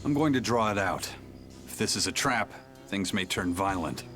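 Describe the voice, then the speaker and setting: An actor playing a stern, gruff and resolute captain in a video game. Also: male voice, sits low, animated, moderate pace, a bit bright. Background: game music.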